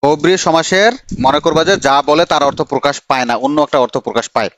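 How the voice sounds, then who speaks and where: Male coaching teacher, fast chatty delivery, slightly high voice, dry close sound. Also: animated, fairly bright tone, no echo. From Bangladesh. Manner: chatty, teasing, calls on students by name. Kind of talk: live online grammar class.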